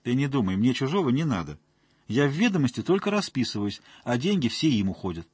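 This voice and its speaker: A man's voice: medium pitch, sing-song, fairly quick, darkish tone, breathy edge, dry recording. A man voicing a drunk, whining woman janitor who fawns and pleads. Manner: wheedling, whiny, ingratiating.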